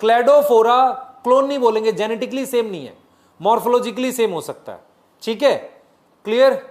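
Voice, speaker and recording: A man's voice: extremely high pitch, normal speed. A man teaching biology in a live online lecture in speech, repeating key points and quizzing his students.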